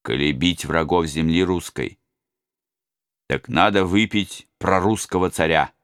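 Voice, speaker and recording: A man's voice: deep voice, measured pace, fairly bright tone, clean tone, no room sound, studio quality. A man voicing an earnest young prince in an audiobook, speaking solemnly to rally his men. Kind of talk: audiobook reading.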